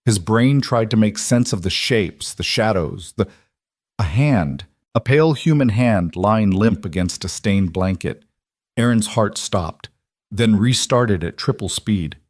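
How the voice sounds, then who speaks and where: A man narrating a scripted story in an even, measured way. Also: on the low side, dry recording, studio quality.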